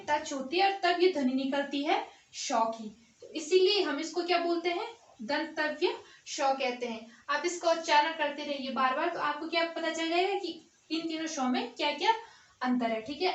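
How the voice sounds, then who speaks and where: A woman's voice: high-pitched, a bit bright, far from the mic. A woman teacher giving a grammar lesson, explaining step by step and answering her own questions. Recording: echoey room, voice off-mic.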